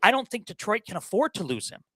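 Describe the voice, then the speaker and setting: Man, podcast guest, opinionated sports chat, bright voice, dry close sound. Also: high voice, sing-song, quick pace, no echo. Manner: opinionated, repeats words, many fillers. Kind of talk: casual sports talk.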